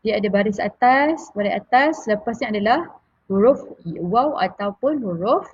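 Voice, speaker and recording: A woman's voice: medium pitch, expressive, moderate pace, husky, no room sound, highs cut off. A woman with a Malaysian Malay accent teaching a recitation lesson in a casual, hesitant way, with many fillers and restarts as she repeats key points. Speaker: tajwid teacher.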